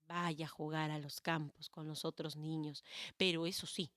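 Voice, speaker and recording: A Peruvian woman voicing the gentle, motherly Virgin, speaking softly and tenderly. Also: low voice, level tone, moderate pace, no echo, clean studio sound. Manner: soft, hushed, tender.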